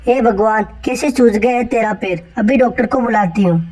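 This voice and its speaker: A woman's voice: fairly high pitch, moderate pace, recorded from a distance, close to an everyday voice, rough recording. A woman voicing a kind, reassuring middle-aged mother-in-law in a cartoon story. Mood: caring. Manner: warm, reassuring.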